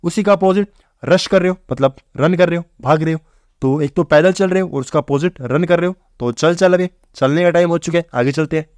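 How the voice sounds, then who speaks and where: Fast-talking, dry-voiced vocabulary teacher man. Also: fairly high pitch, darkish tone, smooth, no echo. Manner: keeps checking in with "theek hai bhai" and quizzing the viewer; mixes English words into fast classroom Hindi. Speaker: English vocabulary teacher for exam prep. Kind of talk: explaining memory tricks for words.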